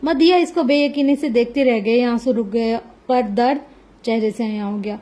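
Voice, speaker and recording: A woman narrating a novel in a dramatic reading. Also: fairly high pitch. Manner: dramatic, even-paced reading. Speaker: novel reader.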